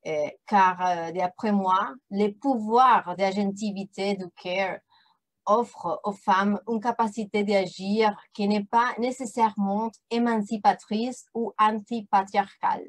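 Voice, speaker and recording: A woman anthropologist speaking French with a non-native accent, giving an academic presentation over a video call, halting and repeating words with frequent fillers. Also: medium pitch, fairly even intonation.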